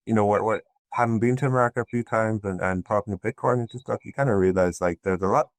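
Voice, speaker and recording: Low-voiced man, meandering talk. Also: fast, no room sound. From Ireland. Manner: meandering, hesitant, many restarts. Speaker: podcast guest. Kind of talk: casual conversation.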